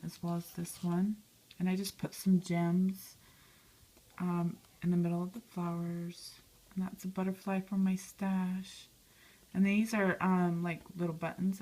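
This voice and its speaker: A woman narrating a craft video, listing the materials on her art piece in a soft, chatty way and often dropping to a whisper. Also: lowish voice, low-quality recording. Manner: soft, chatty, lots of "um" and "and then". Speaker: craft vlogger. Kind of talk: casual show-and-tell narration.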